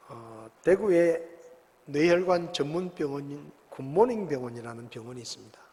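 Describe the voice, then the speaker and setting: In a church sanctuary with long hall reverb, a man with a slightly high, somewhat mellow voice delivers a sermon. He preaches as a pastor, weaving stories and rhetorical questions into a conversational style.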